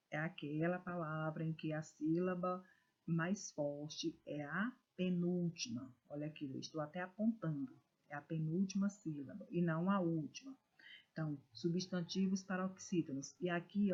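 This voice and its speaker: A Brazilian woman teaching a recorded class for children. Her voice is mellow and a little husky, and she reads words slowly, leaning hard on the stressed syllable. The sound is dull and lo-fi. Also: fairly low pitch. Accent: Brazilian Portuguese. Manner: slow, careful, stresses syllables when reading words aloud. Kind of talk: recorded video lesson for children.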